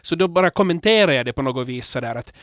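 A man hosting a podcast in casual chat, candid and rambling, with many restarts, growing animated when telling stories. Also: medium pitch, no echo, studio quality. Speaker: podcast host.

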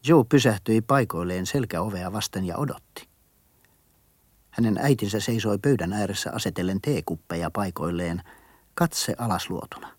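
A man narrating a classic children's story in a calm, measured way. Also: lowish voice, no room sound. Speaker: audiobook reader.

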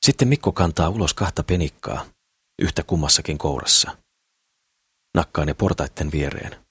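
A man narrating an audiobook in a steady, measured reading. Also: very deep voice, husky, dry recording, clean studio sound. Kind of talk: scripted narration.

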